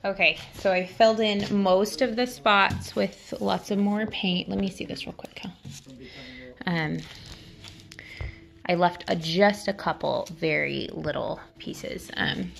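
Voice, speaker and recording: A woman's voice: medium pitch, fairly even intonation, takes it slowly, gravelly, fairly bright tone. A woman casually narrating a DIY craft project outdoors while filming on a phone in one hand, with lots of "um" and "like". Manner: chatty, lots of "um" and "like", light laughs. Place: outdoors at a patio table. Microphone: phone held in one hand.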